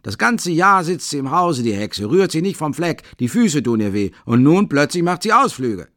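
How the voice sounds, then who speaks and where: An impatient, grumbling man who curses and complains loudly, put on by a male audiobook reader. His voice is raised and animated with exasperation. The recording is dry and close. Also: on the high side, moderate pace, dry recording, pitched above the performer's own voice. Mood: exasperated.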